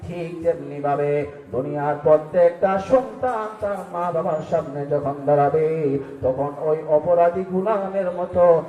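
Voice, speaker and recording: A man preaching a waz sermon, swinging into sing-song chanting and loud calls to the crowd. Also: fairly high pitch, measured pace, phone-quality sound. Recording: echoey, distant mic, faint music.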